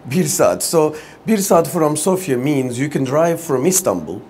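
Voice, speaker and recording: A native Turkish speaker with a Turkish accent hosts a conversational interview show. His fairly high voice is animated, a little slow and darkish, and the recording carries clear background ambient noise.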